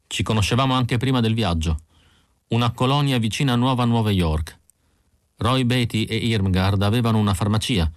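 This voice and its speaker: A man's voice: fairly low pitch, normal speed, no room sound, studio quality, natural voice. A man reading an audiobook, voicing a weary, bitter young woman android who speaks tensely and guardedly.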